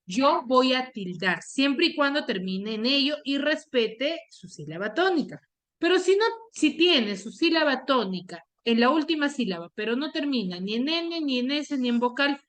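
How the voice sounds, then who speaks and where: High-voiced woman teaching an online class. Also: a bit bright. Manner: quizzes students with repeated questions. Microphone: computer mic on a video call.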